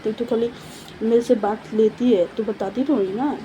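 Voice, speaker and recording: Flustered young woman in love, halting and soft, mellow tone, put on by a woman storyteller. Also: fairly high pitch, lo-fi sound, a little hiss or hum, lightly acted. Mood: bossy, scolding. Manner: hesitant, halting, mixes English words.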